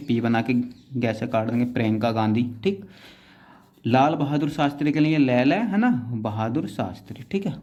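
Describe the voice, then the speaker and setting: A man teaching shorthand in a class, explaining each outline step by step and often checking in with quick tag questions. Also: medium pitch, a little mellow, lo-fi sound. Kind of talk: classroom explanation while writing.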